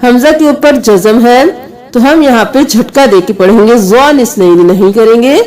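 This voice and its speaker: A woman's voice: fairly high pitch, warm tone. A woman teaching Quran recitation, patiently spelling out letters and vowel marks one by one. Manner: slow, patient letter-by-letter explanation, with sung recitation between. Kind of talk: tajweed lesson, spelling out letters.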